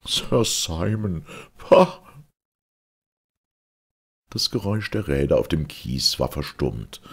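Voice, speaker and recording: A man reading his own story aloud as first-person audiobook narration, in a measured storytelling manner. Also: extremely low pitch, creaky, slightly rough.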